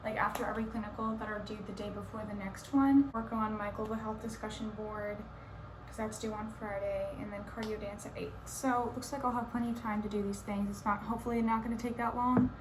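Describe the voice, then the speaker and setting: A woman's voice: mid-range voice, fairly even intonation, brisk, background noise. A twenty-year-old woman chatting casually in a vlog about her days as a nursing student, full of filler words. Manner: chatty, lots of filler likes. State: scratchy sore throat.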